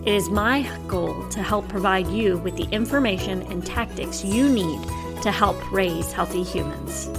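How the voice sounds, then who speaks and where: A woman's voice: mid-range voice, measured pace, vocal fry, music in the background. Chatty woman podcast host. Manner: chatty and animated, laughs while telling stories. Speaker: podcast host, personal trainer and health coach. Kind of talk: casual solo podcast talk.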